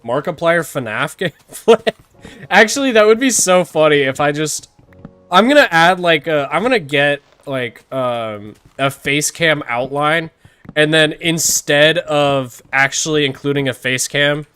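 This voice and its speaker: A man's voice: fairly high pitch, lively intonation, unhurried, sharp tone, clear, resonant tone, dry recording, faint music behind. A man live-streaming a game, rambling and chatting with viewers, often laughing and tripping over his words. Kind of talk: live-streamed gameplay chat.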